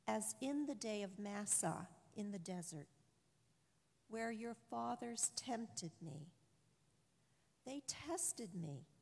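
Brief: woman lector, slow solemn scripture reading, long cathedral echo. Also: mid-range voice, vocal fry, darkish tone. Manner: measured, solemn reading aloud. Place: large church. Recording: long church reverb.

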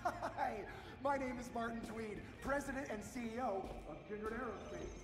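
An actor playing a cheery, salesy male corporate CEO, giving an upbeat promotional pitch with breezy asides. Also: normal speed, roomy sound, big-room sound, background noise. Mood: chipper. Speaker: company CEO in a game video.

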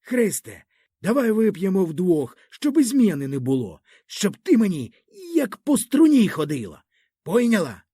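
A man's voice: sits high, big pitch swings, unhurried, dark tone, breathy edge, dry recording, clean studio sound, voice pushed up, heavily acted. A man voicing a drunk old village grandfather who slurs, drawls and preaches in old church phrases. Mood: commanding.

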